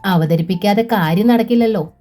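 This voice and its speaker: A woman voicing a gentle young widow, pleading and emotional, in a storybook reading. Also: medium pitch, brisk, faint music behind, lightly acted. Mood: smiling.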